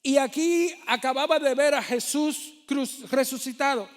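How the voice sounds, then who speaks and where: A man's voice: extremely high pitch, measured pace. A man preaching a sermon as pastor, asking rhetorical questions and calling listeners brother. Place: church hall. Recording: long hall reverb.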